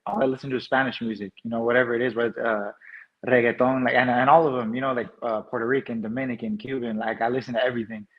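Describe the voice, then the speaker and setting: A man's voice: medium pitch, fairly even intonation, quick pace, lo-fi sound. A man from New Mexico with an American accent, chatting casually as an interview guest in laid-back, slangy phrasing. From New Mexico, United States.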